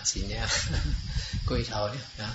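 In a muffled, roomy and noisy recording, a man with a mid-range voice speaks in rapid-fire bursts. He gives a long, casual explanation, rambling with lots of "ah" fillers and switching between Chinese and English words.

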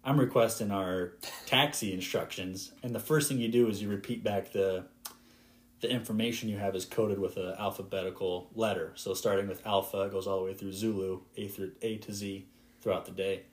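A man in his twenties, a flight instructor and podcast guest, telling stories in a casual, lively way and acting out radio calls. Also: fairly low pitch, a little fast. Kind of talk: casual storytelling in conversation.

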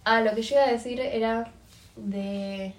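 A woman's voice: on the high side, measured pace. Young Argentine woman in an echoey room. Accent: Buenos Aires Rioplatense Spanish. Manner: relaxed conversational storytelling. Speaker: podcast co-host. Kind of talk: casual chat. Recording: roomy echo.

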